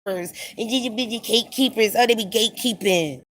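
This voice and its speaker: A woman's voice: on the high side, normal speed. A woman hosting a late-night podcast in a blunt, emphatic monologue, repeating her points for stress. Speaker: podcast host.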